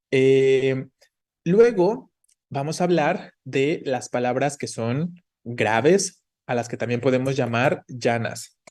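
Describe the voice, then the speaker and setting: A man's voice: medium pitch, darkish tone. A man teaching an online class, explaining patiently and checking in with the students often. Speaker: Spanish teacher.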